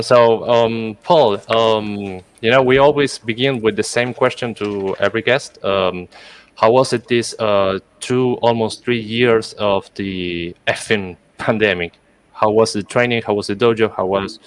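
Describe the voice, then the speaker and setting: A man with a fairly low voice hosts an interview podcast. He is a native Spanish speaker and keeps a polite, formal hosting manner. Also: steady tone, measured pace, slight background noise. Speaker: podcast host.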